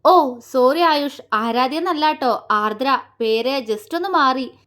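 A casual young man chatting on the phone in an audio story, matter-of-fact and easygoing, voiced by a woman narrator. His voice sits fairly high. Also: takes it slowly, fairly bright tone.

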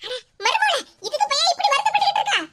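Casting: a quarrelsome, cackling old cartoon mother-in-law, very high and fast, Tirunelveli Tamil accent. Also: big pitch swings. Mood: soothing. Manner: scolding, theatrical, cackling. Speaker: cartoon voice actor. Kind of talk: comic cartoon voice acting. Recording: noisy recording.

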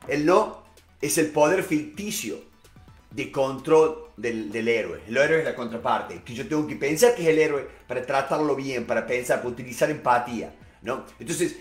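Rioplatense man coaching on negotiation, filler-heavy. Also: medium pitch. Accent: Rioplatense Spanish. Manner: many fillers, repeats words, rhetorical questions. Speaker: negotiation expert and author. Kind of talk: motivational talk to camera. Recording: echoey room with faint music.

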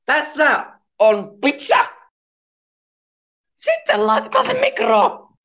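A woman's voice: high voice, wildly swooping pitch, slow, highs cut off, a little hiss or hum. Woman through a clipping, distorted mic. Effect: clipping, distorted loud mic. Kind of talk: joking cooking clip.

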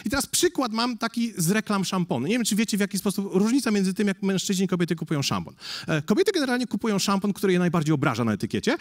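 Lively, chatty male conference speaker. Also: high voice, racing. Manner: chatty, jokey, asks the audience, many fillers. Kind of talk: casual conference presentation.

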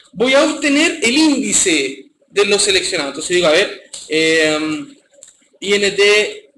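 Chilean male programming teacher, bright tense delivery, keeps checking in with the class. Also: high voice, reverberant, a little hiss or hum, poor audio. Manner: checks in with students, repeats "ya?". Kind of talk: live online programming class.

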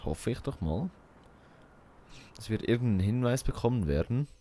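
A man's voice: medium pitch, lively intonation, normal speed, mellow, a little hiss or hum. A man hosting a let's play, thinking aloud in colloquial, casual game commentary.

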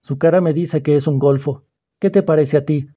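A man reading the part of a calm, persuasive schoolboy who probes another boy's fears, in an audiobook. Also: on the high side, normal speed, dull audio, natural voice. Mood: calm, probing. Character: calm, probing, mysterious older schoolboy.

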